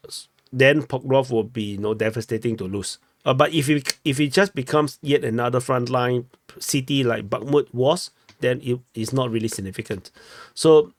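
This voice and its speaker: Here a young war map analyst from Singapore, with a Singaporean English accent and medium-pitched voice, chats casually over his maps from a small home room. He corrects himself often and caps his points with "no?", on a dry recording.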